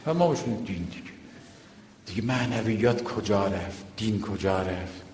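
Echoey preaching man, swinging pitch. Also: darkish tone, slight background noise. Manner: storytelling preacher with sudden rises and drops in pitch. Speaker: cleric. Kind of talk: sermon. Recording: roomy hall with long echo.

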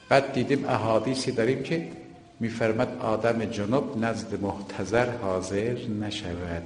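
A man delivering a storytelling sermon as a cleric, rising and dropping his voice sharply. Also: a little hiss or hum. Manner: storytelling preacher with sudden rises and drops in pitch. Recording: roomy hall with long echo.

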